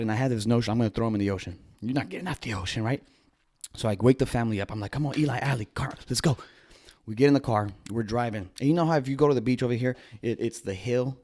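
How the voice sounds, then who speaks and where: A man in his thirties casually telling his viewers a story, animated, with gasps, restarts and trailing phrases. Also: medium pitch. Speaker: vlogger.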